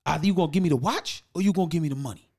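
Man acting out an irate, high-pitched New York tough guy. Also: big pitch swings, normal speed. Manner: loud, aggressive, slangy. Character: angry, confrontational streetwise male customer.

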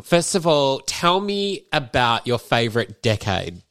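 A man chatting from his home kitchen. He hosts casually and asks eager, curious questions in a mid-pitched voice. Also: big pitch swings, a little slow, fairly bright tone, dry recording. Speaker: podcast host. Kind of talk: casual chat.

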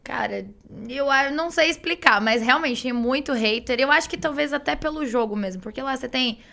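Young woman, Brazilian Portuguese accent, fairly high pitch, fry in the voice, casual conversational streamer guest. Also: a little fast, pushed and bright. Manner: informal, conversational. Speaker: guest, live game streamer. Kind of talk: casual chat.

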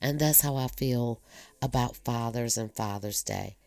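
A woman's voice: very deep voice, a little slow, gravelly, mellow, no room sound. A woman in her fifties giving a candid, earnest monologue as she reflects on her family and faith. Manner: talkative, earnest and personal. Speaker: blogger sharing personal reflections.

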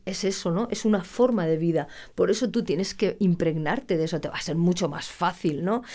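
Animated singing teacher, lower voice. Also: female voice. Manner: animated, acts out students and shouts, laughs often. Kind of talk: casual video lesson.

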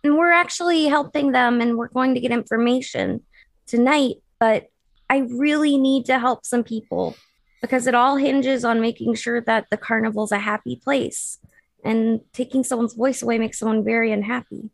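A woman's voice: fairly high pitch, moderate pace, creaky, dry recording. A woman playing a tabletop game, talking casually as she role-plays in her own voice. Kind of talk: casual in-character role-play.

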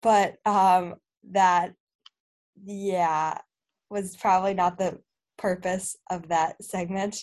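A woman's voice: lowish voice, fairly even intonation, slow pace, a little mellow. A woman co-hosting a podcast, rambling with lots of "like" and "um" and teasing her friends. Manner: rambling, filler-heavy, joking. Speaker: podcast co-host. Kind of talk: casual podcast chat.

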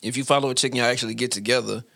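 A man's voice: mid-range voice, racing, creaky. A man co-hosting a casual podcast chat, telling stories and acting out quotes with lots of laughter. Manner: animated storyteller, acts out quotes, laughs often. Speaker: podcast co-host.

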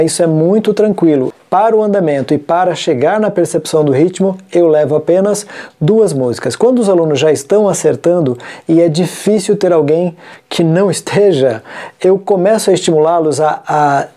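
A music teacher with a Brazilian Portuguese accent talks through a classroom method. The delivery is methodical, and the speaker pauses to restate and correct terms along the way. The voice has a mellow, dark tone at a middling pitch. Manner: methodical, often rephrasing and correcting terms mid-sentence.

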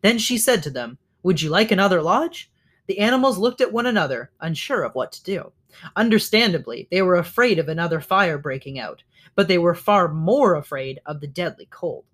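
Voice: medium pitch, expressive, brisk. A reader reading a children's novel aloud, now and then stopping to correct slips.

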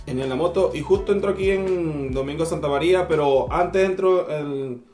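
High-voiced Venezuelan man in a roomy space. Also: moderate pace, soft background music. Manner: animated storyteller who acts out quoted voices. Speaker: podcast guest. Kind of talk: casual chat.

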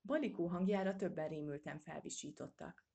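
A woman reading a children's storybook aloud in a steady, measured way. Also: lowish voice, gravelly, breathy edge, highs cut off. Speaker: audiobook reader. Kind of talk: storybook narration.

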